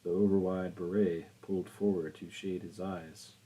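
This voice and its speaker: A male audiobook narrator reading a classic novel in a measured, deliberate voice. His tone is deep and dark, with a husky grain. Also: little pitch movement, low-quality recording. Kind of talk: scripted literary narration.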